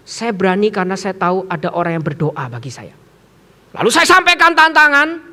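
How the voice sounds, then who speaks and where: A man preaching a sermon, telling a story with acted-out dialogue and shouting for emphasis. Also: high-pitched, big-room sound. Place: church sanctuary.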